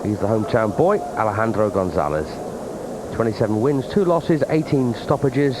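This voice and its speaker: A man's voice: fairly low pitch, moderate pace. A man giving conversational boxing commentary. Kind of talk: conversational television fight commentary. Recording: clear background arena noise.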